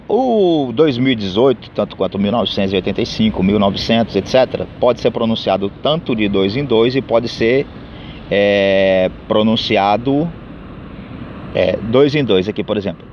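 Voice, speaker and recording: A man with a Brazilian Portuguese accent giving an informal English lesson, repeating each number in both languages with frequent fillers. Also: normal speed. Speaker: English teacher. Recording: dull low-fidelity audio with faint street noise.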